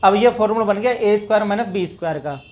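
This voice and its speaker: A man's voice: high voice, quick pace. North Indian man teaching maths. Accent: Hindi, north Indian. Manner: talks through steps, addresses students as bhai. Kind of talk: classroom maths lesson.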